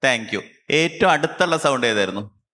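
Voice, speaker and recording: Calm man guiding a class. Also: mid-range voice. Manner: slow, calm instructions with long pauses. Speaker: camp instructor. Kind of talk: guided concentration exercise.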